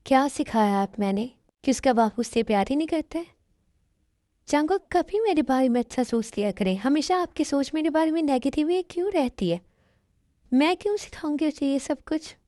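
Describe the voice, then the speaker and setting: A woman voicing a gentle, hurt young wife who pleads softly, in a fan dub. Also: high-pitched, expressive, normal speed, no room sound, studio quality, pitched above the performer's own voice. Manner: soft, pleading.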